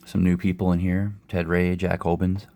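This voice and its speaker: Deep creaky guy w a head cold, low energy and unhurried, casually calling a golf sim. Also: level tone, darkish tone. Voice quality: low, gravelly. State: sore throat and summer cold, clearing throat. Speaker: host of a sports gaming channel. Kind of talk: casual play-by-play narration of a golf simulation.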